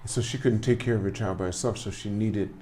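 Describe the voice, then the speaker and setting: A man's voice: fairly low pitch, steady tone, brisk, dark tone, a little hiss or hum. A man hosting a podcast, prompting his guest with questions and finishing her sentences. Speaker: podcast host. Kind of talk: conversational interview.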